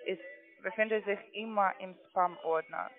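A man with a high-pitched voice works as a call centre agent, pitching trading accounts at normal speed and in a steady tone. He is a non-native speaker whose first language is not German, and his phrasing is ungrammatical. The phone call comes through a narrow, muffled line with faint music behind him.

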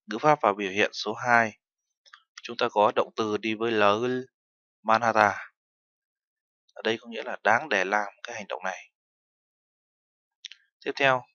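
A man's voice: lowish voice, pushed and bright, no room sound, highs cut off. A man teaching a language lesson, explaining terms step by step and mixing in foreign words. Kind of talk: lesson narration.

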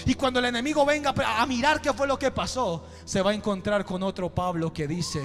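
A male pastor with a strikingly high voice delivers an impassioned sermon, dropping low and then building to shouted exhortations. His voice rings through a reverberant church hall with soft music playing underneath. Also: steady tone, fairly quick. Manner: impassioned preaching, swings from hushed to shouting.

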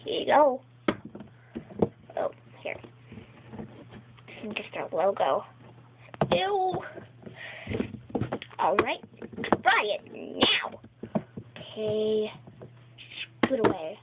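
Young girl, toy play-acting, lively pitch, tinny phone-line sound. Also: drawn-out words, pauses often. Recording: tinny phone recording with loud noise.

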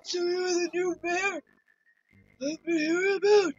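A woman's voice: extremely high pitch, steady tone, measured pace, pitched above the performer's own voice. A woman voicing a chatty retired tortoise mayor in a very old man manner, reading video game dialogue aloud. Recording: dull lo-fi audio.

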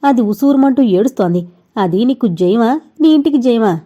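A woman voicing a sharp-tongued elderly mother with a loud, ringing voice who scolds and shouts at her son in an audio novel. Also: medium pitch, fast talker, highs cut off, natural voice. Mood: angry scolding.

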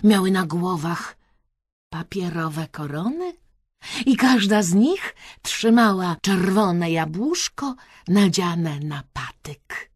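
A woman narrating a children's audiobook in a slow, expressive storytelling manner, on a close studio microphone. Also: fairly low pitch, breathy edge, dry recording. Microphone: close studio mic.

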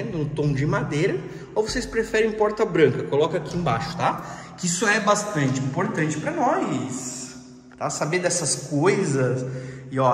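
A man's voice: a little high, fairly bright tone. Chatty man touring a house. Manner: chatty, slangy, keeps pointing things out to viewers. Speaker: real estate video host. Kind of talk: casual house tour walkthrough. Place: empty house with bare hard floors. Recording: echoey empty rooms, long reverb.

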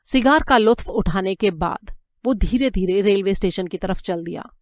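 A woman reading a story aloud as an audiobook narrator, with measured, expressive storytelling. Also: mid-range voice, no room sound, studio quality.

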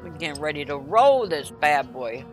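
A woman's voice: low-pitched, sing-song, normal speed. A woman vlogger giving casual, profane commentary while playing a shooter game, talking with her mouth full. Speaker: gaming vlogger. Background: game music.

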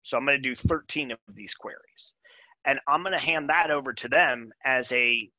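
Casual male presenter, bright dry voice, talks through a demo over a video call. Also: medium pitch, moderate pace, no room sound, dull audio. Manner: casual, thinks aloud with frequent "right?" and "um". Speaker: presenter demoing software.

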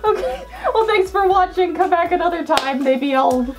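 A woman's voice: very high-pitched, lively intonation, moderate pace, over music. A woman hosting a casual chat, giggling and teasing while she talks through a fursuit head. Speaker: host.

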